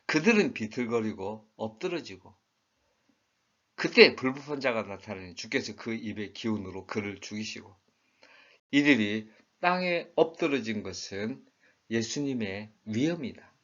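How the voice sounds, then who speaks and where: On a dull lo-fi recording, a man with a lowish, slightly bright voice leads a conversational Bible study at a measured pace. His intonation is lively as he asks rhetorical questions and performs quoted lines in regional dialects.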